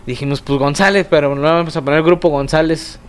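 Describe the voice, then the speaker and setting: Musician guest, male, Mexican, clear smooth tenor, rambling and hesitant. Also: fairly high pitch, steady tone, a little fast. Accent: Mexican Spanish. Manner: hesitant, many fillers, thoughtful. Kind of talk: casual interview.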